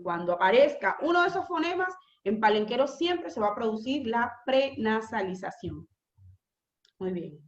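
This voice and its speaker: A woman teacher giving a classroom lecture, explaining patiently, repeating key terms slowly and asking rhetorical questions. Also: on the high side, sing-song. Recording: echoey room, slightly dull lo-fi sound.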